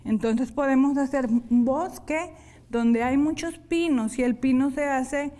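Female sign language teacher, high-pitched, patient step-by-step explainer. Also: warm tone. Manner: slow, step-by-step explanation of hand signs. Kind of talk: televised classroom lesson.

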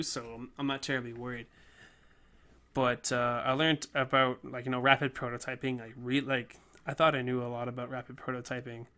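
A man's voice: mid-range voice, sharp tone. A young man casually talking over his class game project, rambling with lots of fillers and restarts. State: a bit out of breath. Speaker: game design student. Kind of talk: casual development-log talk.

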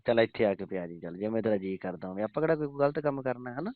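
A man's voice: fairly low pitch, very fast, dry recording. A man on a phone call, coaxing and pleading with the woman he is calling. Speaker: caller. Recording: tinny phone line.

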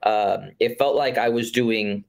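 A man's voice: fairly low pitch, unhurried, vocal fry. A man in his thirties from Florida, a guest filmmaker talking casually over a video call, laid-back and full of fillers. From Florida, USA. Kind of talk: casual conversation. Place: room with curtained window.

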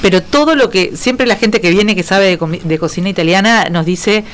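A woman's voice: medium pitch, brisk, slight background noise. A woman in her forties with a Uruguayan accent, hosting a studio interview and introducing her guests conversationally. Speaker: host. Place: indoor studio. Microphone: studio mic on stand.

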